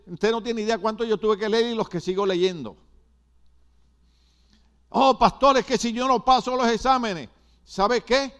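A man's voice: high voice, measured pace, pauses often, fairly bright tone, clear, resonant tone. An older man from Puerto Rico with a Puerto Rican accent, preaching a sermon with emphatic repetitions and asides to the congregation. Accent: Puerto Rican Spanish. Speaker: pastor.

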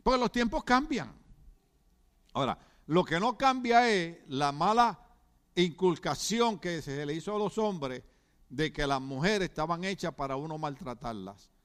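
A middle-aged pastor preaches in a church with a fairly high voice. He is lively and questioning, turning to the congregation again and again. His delivery is animated and direct. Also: measured pace, clear, resonant tone. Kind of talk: sermon.

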